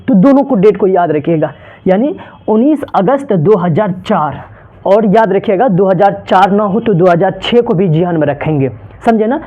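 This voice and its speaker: Woman teacher quizzing herself aloud. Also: mid-range voice. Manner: asks and answers her own questions. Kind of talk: exam-prep lecture. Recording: dull lo-fi recording.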